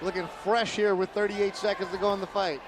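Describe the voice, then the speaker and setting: High-voiced male fight commentator over crowd noise. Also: flat delivery, fairly quick. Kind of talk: live MMA commentary. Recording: noisy live arena with loud crowd. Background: crowd and event ambience.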